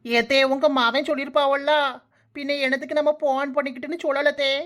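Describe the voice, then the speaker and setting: A woman's voice: high-pitched, level tone, brisk, fairly bright tone. A woman voicing a cheeky, lazy young daughter-in-law in a comic cartoon, sarcastic and prone to talking to herself, with a Kanyakumari Tamil accent. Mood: sassy.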